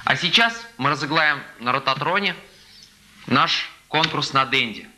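A man's voice: on the high side, expressive, unhurried, pushed and bright, slight background noise. A young man hosting a TV show, presenting a contest for viewers. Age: young adult. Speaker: TV show host. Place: small TV studio, indoors.

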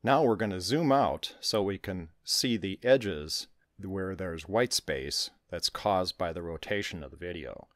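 A man narrating a screen-recorded software tutorial, calmly walking through each step. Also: low-pitched, measured pace, few pauses, no room sound, clean studio sound. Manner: calm step-by-step instruction. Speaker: tutorial host.

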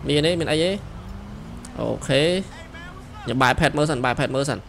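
A young man giving excited gameplay commentary, shouting quick directions as he plays. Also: mid-range voice, vocal fry, over music, crowd noise. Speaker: gameplay streamer. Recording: voice over loud game sirens. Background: police sirens from the game.

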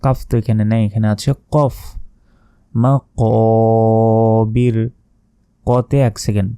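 A man with a Bangladeshi Bengali accent teaching Quran pronunciation, explaining each sound and then slowly drawing out the recited words. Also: lowish voice, steady tone, dark tone, dry recording, clean studio sound. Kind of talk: spoken lesson with slow recited phrases.

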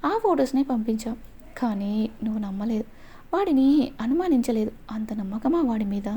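A woman's voice: fairly high pitch, expressive, normal speed, dark tone, breathy edge. A woman reading as a gloating young villain. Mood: menacing. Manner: menacing, gloating. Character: obsessive scheming young male villain.

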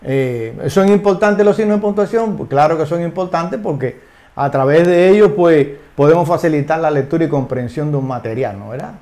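An older man, a Spanish speaker, teaching an English lesson, slowing down for careful English examples and checking in often with tag questions. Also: a little high, mellow.

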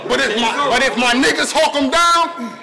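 High-pitched man shouting battle-rap taunts. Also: moderate pace, gravelly. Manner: brash, taunting, punchlines shouted over crowd reactions. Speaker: battle rapper. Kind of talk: live battle rap performance. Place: live battle rap event before an audience. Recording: loud cheering crowd. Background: loud crowd reacting.

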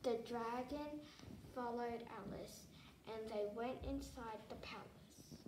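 A woman reading a children's picture book aloud, slowly and expressively, with a few restarts. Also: fairly high pitch, echoey room, background noise. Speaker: storyteller.

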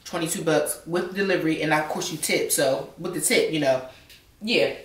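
A young woman talks casually to her viewers between bites, sometimes with her mouth full. Her voice sits a touch low. She is recorded in a roomy space, a little back from the mic. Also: normal speed. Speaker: vlogger. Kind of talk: casual chat while eating. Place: home, indoors. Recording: roomy, from a distance.

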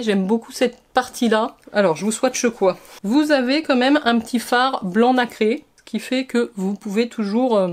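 A woman's voice: fairly high pitch, a little mellow. A woman beauty vlogger chatting enthusiastically through a makeup palette review, with frequent restarts. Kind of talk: casual makeup review to camera.

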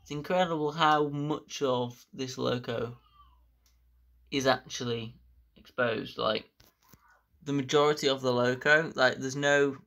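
A man's voice: medium pitch, steady tone, a little slow, vocal fry, long pauses, fairly bright tone. A man, casually reviewing a model locomotive at length, enthusiastic and rambling. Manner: enthusiastic, rambling with fillers like "bits and bobs".

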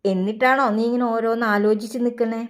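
A woman's voice: a little high, fairly even intonation, fast, close to an everyday voice. A woman doing a chatty, prying neighbor. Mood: curious. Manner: questioning, familiar.

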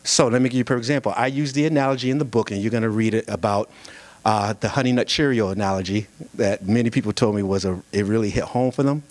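Speaking fast in a fairly low voice, a young man holds a handheld microphone at a church pulpit during a singles conference. His sermon-style storytelling is animated and funny, full of jokes with the audience, and the recording has no echo.

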